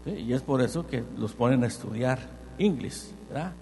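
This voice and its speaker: A man's voice: mid-range voice, moderate pace, big-room sound, slight background noise. A man preaching a sermon to his congregation as a rabbi, mixing in a playful Hebrew lesson and often checking in with his listeners. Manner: constantly checks in with the audience with "right?"; lively, playful teaching with repetition drills.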